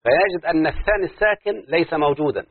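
A man's voice: fairly high pitch, fast, no room sound. A man with an Egyptian accent teaching a classroom lesson, who keeps quizzing his students on whether they follow. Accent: Egyptian Arabic. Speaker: teacher of Arabic prosody. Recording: dry, narrow phone-like lo-fi sound.

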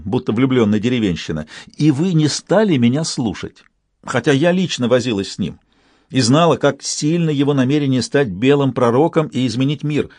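A man voicing a scheming old woman elder who scolds her council in a shrill, bitter voice. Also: a little mellow, no echo, clean studio sound, natural voice.

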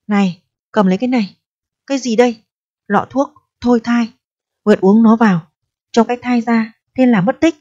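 A woman's voice: on the high side, moderate pace, pauses often, mellow, no echo, close to an everyday voice. A woman reading the lines of an evasive, self-serving young lover who coaxes and schemes in a storybook reading. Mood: coaxing. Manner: coaxing, then coldly calculating. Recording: dull, dry audio.

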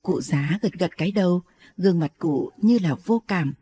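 A woman reading a historical novel aloud as an audiobook narrator, calm and steady. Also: lowish voice, moderate pace, breathy edge. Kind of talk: scripted narration.

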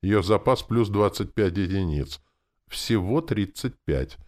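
A man's voice: lowish voice, expressive, unhurried, a little mellow, voice pushed up. A man reading an audiobook, voicing an impersonal magical system announcer in a formal, official tone.

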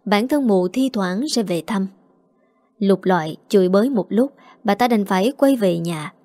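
A woman reading a village drama story aloud in a steady, expressive way. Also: medium pitch, normal speed, dry recording. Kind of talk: audiobook story narration. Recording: dry close mic with faint music.

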